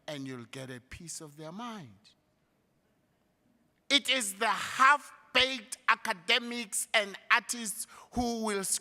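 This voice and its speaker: A man with a South African accent giving a graduation address in a large hall. He speaks slowly and emphatically, rising like a preacher on key points. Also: high voice, pushed and bright. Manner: slow, emphatic speechmaking with a preacher-like rise. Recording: reverberant hall through a PA.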